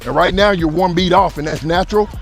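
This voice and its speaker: Man in his fifties, speed coach calling drills outdoors, slightly high voice, light music underneath. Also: fast talker, creaky. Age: 50s. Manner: counting out drill rhythms, instructive and upbeat.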